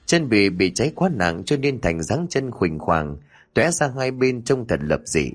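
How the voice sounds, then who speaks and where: Expressive male horror storyteller. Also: fairly low pitch, measured pace, soft background music. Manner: dramatic, expressive reading.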